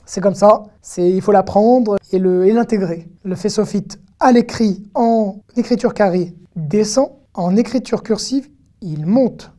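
A woman giving an online lesson, chatty and lively, talking straight to her viewers with frequent "hop" and "hein" asides. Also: medium pitch, unhurried. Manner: addresses the viewer directly. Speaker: Hebrew teacher.

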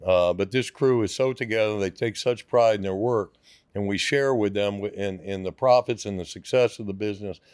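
A man in his sixties who owns a restaurant talks casually in a podcast-studio interview, hesitating often, rambling, and restarting with plenty of fillers. His fairly low voice is clear, resonant and a little mellow, moving at a moderate pace. The boom-arm studio mic picks up no echo.

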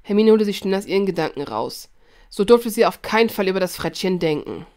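A woman narrating a fan fiction audiobook in a lively read-aloud voice, with occasional slips and restarts. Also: mid-range voice, fairly quick.

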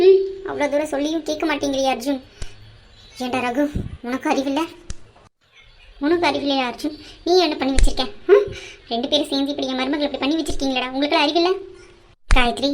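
A stern middle-aged cartoon mother, voiced by a woman, scolding her grown children with quick, reproachful words. Her voice sits high and the words tumble out fast. A faint hiss hangs under it. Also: natural voice. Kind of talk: cartoon voice acting.

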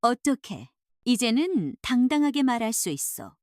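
A woman voicing an earnest young nobleman scholar who speaks gently. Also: a little high, big pitch swings, unhurried, no room sound, studio quality.

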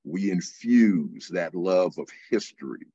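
An older man from California, a teacher answering interview questions in a measured, explanatory way with frequent fillers. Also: deep voice, expressive, mellow, slightly rough, dull audio. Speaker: guest teacher.

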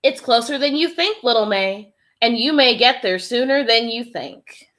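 A supportive father in a storybook, read by a woman. The delivery is reassuring and emphatic, in a bright, rather high voice with wide melodic movement. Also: lively intonation, moderate pace.

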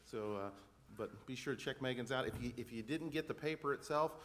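A man's voice: medium pitch, a little fast, fairly bright tone, a little hiss or hum. A man giving church announcements in a chatty, loose way, full of fillers and restarts. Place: church sanctuary. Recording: long church reverb with faint ambience.

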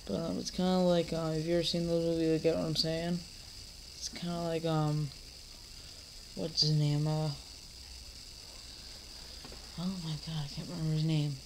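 The poor audio carries slight background noise as a teenage boy with a cold vlogs briskly in a somewhat high, monotone voice. Seated in a recliner in a dim living room, he rambles with fillers and restarts and mock-chides an imaginary heckler.

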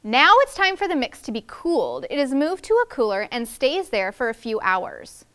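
A woman's voice: high-pitched, sing-song, moderate pace, fairly bright tone, clean tone. A woman in her thirties giving a read-aloud lesson to young children as a teacher, carefully enunciating the big words. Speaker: first grade teacher. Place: indoors in a classroom.

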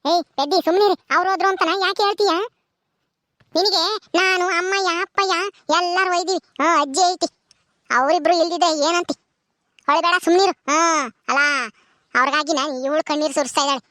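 A woman's voice: very high voice, steady tone, fairly quick, a bit bright, no echo, clean studio sound. A woman voicing a spiteful scheming cartoon sister. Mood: mocking. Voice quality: mocking, scolding, theatrical sneer.

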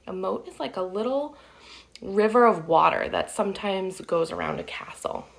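With a gravelly, medium-pitched voice, a woman in her thirties reads a picture book to young children at home in her living room. She's animated, slow and deliberate, sing-song and child-directed, adding friendly asides, and a phone or webcam at arm's length records her.

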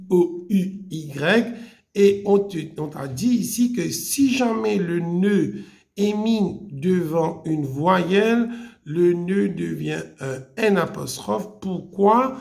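A woman's voice: lowish voice, creaky, a little mellow. A woman teacher giving a French grammar lesson, patient and explaining step by step, often repeating key points.

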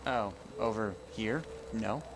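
A man's voice: lowish voice, slow pace, gravelly. A young man giving casual commentary on a game he is playing, rambling and often correcting himself mid-sentence. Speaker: let's play gamer. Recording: home recording with noise.

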